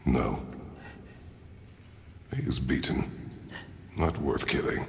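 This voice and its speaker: Kratos, a gravelly stern warrior god. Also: male voice, rumbling low, slight background noise, heavily acted. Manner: terse, commanding, slow and heavy. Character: stern, gruff warrior god and strict father. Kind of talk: video game cutscene acting. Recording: roomy reverb under a faint music score.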